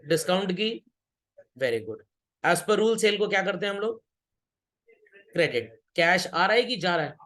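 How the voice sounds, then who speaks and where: High-voiced teasing male teacher. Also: a bit bright. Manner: teasing, joking with students, mixing Hindi and English. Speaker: accountancy teacher. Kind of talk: classroom lecture.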